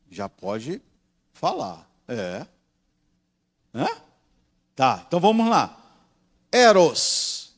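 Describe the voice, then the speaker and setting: A man with a Brazilian Portuguese accent, a pastor teaching a Bible study class. He explains step by step, often checks in with his students and slows down to stress key words. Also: mid-range voice, a little mellow.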